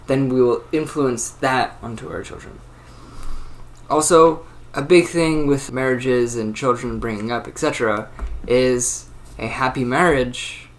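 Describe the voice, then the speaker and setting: Young man, early twenties, hosting his own channel; musing unscripted monologue, halting and reflective, average pitch. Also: fairly bright tone. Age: 20s. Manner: rambling and thoughtful, many fillers and restarts. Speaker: channel host. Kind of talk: casual solo monologue.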